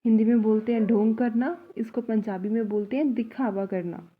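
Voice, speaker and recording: A woman giving a casual language lesson, saying example sentences slowly and deliberately before explaining them. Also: a little high, fairly even intonation, phone-quality sound. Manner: slow, deliberate when modeling example sentences. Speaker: language teacher.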